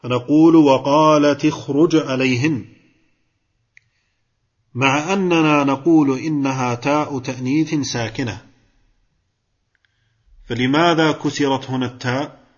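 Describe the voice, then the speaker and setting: Male grammar teacher, husky voice, step-by-step classroom explaining, muffled recording. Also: medium pitch, fairly even intonation, normal speed, long pauses. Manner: explains step by step, quizzes and praises students.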